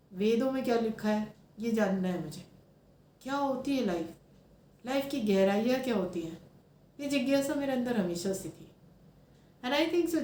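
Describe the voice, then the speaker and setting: A woman's voice: on the high side, darkish tone, echoey room, a little hiss or hum. A woman in her thirties giving an earnest, reflective personal talk as a spiritual speaker, slipping English phrases into her speech.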